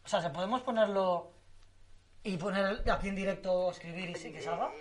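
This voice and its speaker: A half-hoarse man from Spain co-hosting a podcast in casual chat, joking, laughing often and swearing freely. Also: high voice, fairly quick. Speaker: podcast co-host.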